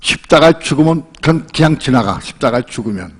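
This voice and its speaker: An older male pastor preaching a sermon in a relaxed, colloquial way, telling a personal story and acting out the voices in it. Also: mid-range voice, quick pace, breathy edge. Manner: colloquial storytelling, acts out quoted voices and laughs often.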